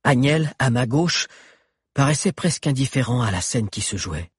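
A man narrating a story in the first person, steady and dramatic. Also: medium pitch, normal speed, breathy edge, no room sound, studio quality. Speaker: audiobook narrator.

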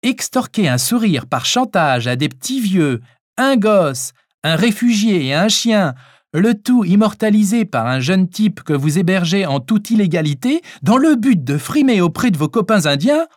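A man reading an audiobook, voicing a sharp-tongued, sarcastic nurse who teases. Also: high voice, very animated, moderate pace, no echo, studio quality, voice pushed up. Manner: sarcastic, teasing.

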